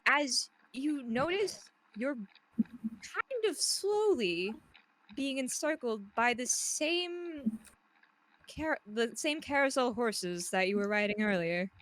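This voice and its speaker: A woman narrating as game master of a tabletop game, lively and playful, laughing now and then. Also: high-pitched, slow pace, low-quality recording.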